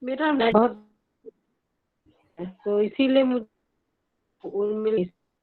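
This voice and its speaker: Woman moderator on a video call, slow and halting, her voice cutting out on a bad connection with dull lo-fi sound. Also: on the high side, no echo. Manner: halting, fragmented delivery. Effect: breaking up over a bad online connection. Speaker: session moderator. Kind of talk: formal introduction of a speaker. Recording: dull lo-fi call audio, dropping out.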